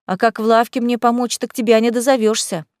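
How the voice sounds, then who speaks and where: A woman voicing a sharp-tongued young witch with a wry, mocking manner in a storybook. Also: fairly high pitch, little pitch movement, brisk, no room sound, clean studio sound, close to an everyday voice. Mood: grumbling.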